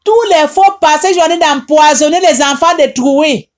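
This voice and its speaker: An online advice host, a woman with a Haitian French accent and a voice that sits high, delivers an emotional preaching monologue at normal speed. Tearful and upset, she gives an impassioned, repetitive rebuke.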